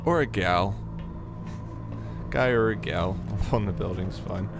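A man with a low, gravelly voice and an unhurried pace talks through a game as he plays. He chats casually, thinks out loud and laughs often. Game music runs clearly under his desk mic. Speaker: gaming channel host. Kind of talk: casual let's-play commentary. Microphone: desk mic on a stand.

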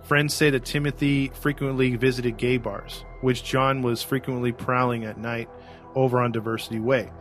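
A man's voice: medium pitch, steady tone, normal speed, faint music behind. A man co-hosting a true-crime podcast, telling the case in a chatty, rambling way with many restarts. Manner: chatty storyteller, fillers and restarts. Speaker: podcast co-host. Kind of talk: casual true-crime chat.

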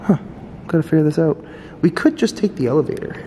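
A man with a fairly high voice talks casually as a vlog host. He addresses a handheld camera in a big echoey indoor space, with some background noise. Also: lively intonation, quick pace. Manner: informal, laughs often, talks to camera. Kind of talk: casual on-location vlog chat. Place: large empty hotel lobby, indoors. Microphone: handheld camera at arm's length. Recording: echoey, reverberant lobby with clear background noise.

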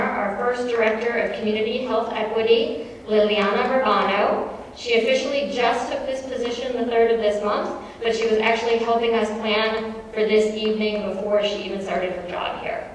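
A woman moderator giving a clear, formal introduction of a speaker in a large lecture hall. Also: a little high, fairly even intonation, moderate pace, slight background noise. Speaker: event moderator. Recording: echoey hall from far off.

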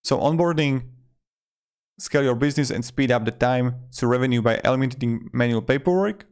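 With a smooth, slightly mellow mid-range voice and a somewhat fast pace, a man in his twenties hosts a video and narrates a casual, loosely phrased review. A desktop mic sits close in front of him in a small indoor room.

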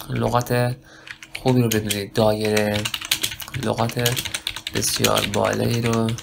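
A man teaching a spoken lesson for test preparation, talking slowly in broken phrases and asking himself questions. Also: on the low side, creaky, noisy background. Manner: slow, halting delivery with many pauses and self-questions. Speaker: English test prep teacher.

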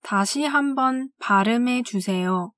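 A woman teaching language, reading classroom phrases slowly and carefully and saying each one twice. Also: on the high side, a bit bright, no echo. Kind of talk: scripted phrase drill.

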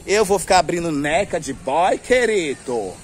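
A man's voice: on the high side, lively intonation, normal speed, a little hiss or hum. A man with a Brazilian accent telling a story to camera in a flamboyant, gossipy way, laughing often, outdoors on a street. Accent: Brazilian Portuguese. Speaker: vlogger.

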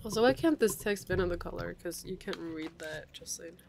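A woman's voice: lowish voice, gravelly, darkish tone. A woman streaming a game in casual chat, sniffling and sounding stuffy and sick, rambling and laughing easily. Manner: chatty, rambling, quick to laugh. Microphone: desk mic. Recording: noisy home stream audio.

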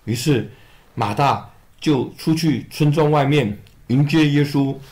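Higher-pitched man telling a children's story. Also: measured pace. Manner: animated, expressive storytelling. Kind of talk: Bible story narration for children.

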